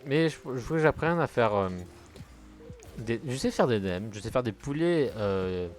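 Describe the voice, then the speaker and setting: A young man streams a game and chats away, rambling and cursing at missed plays. His voice sits at an ordinary middle pitch. Faint music plays in the background. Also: animated, normal speed. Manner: chatty, rambling, swears at the game. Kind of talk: casual gaming commentary.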